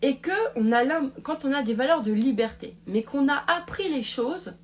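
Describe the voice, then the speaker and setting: A woman's voice: sits high, expressive, moderate pace. A woman hosting a live talk, rambling with many restarts and checking in with "d'accord?". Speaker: podcast host. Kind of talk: casual live-stream talk.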